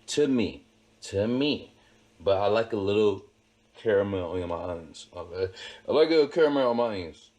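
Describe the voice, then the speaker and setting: Talking fairly quickly in a lowish, darkish voice, a man vlogs a casual demonstration of cooking steak at home. He emphasizes and repeats his points against the sizzle of a pan on the stove.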